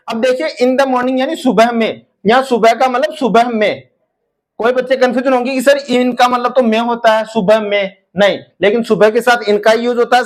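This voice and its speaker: A man's high voice leads a classroom-style English grammar lesson in an Indian accent. Calling his viewers son and daughter, he speeds through Hindi explanations yet drags each English sentence out slowly.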